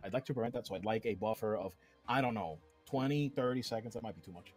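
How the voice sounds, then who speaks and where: A man leading a game raid over voice chat, explaining strategy in a halting, rambling way with casual swearing. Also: fairly low pitch, faint music behind. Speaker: raid leader.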